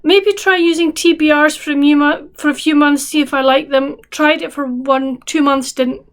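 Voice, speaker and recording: A woman with a fairly high voice talks casually to her viewers as a book vlogger. She rambles along with many restarts and fillers. She sounds a bit tired. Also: fairly even intonation, fairly quick. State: tired, yawning. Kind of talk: casual chat to camera.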